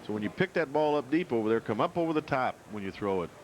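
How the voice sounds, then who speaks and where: A male baseball color commentator with a medium-pitched voice talks through the game in a folksy, conversational manner. Ballpark noise is clearly heard around him. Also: animated, fast. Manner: folksy, colloquial. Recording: noisy outdoor ballpark broadcast.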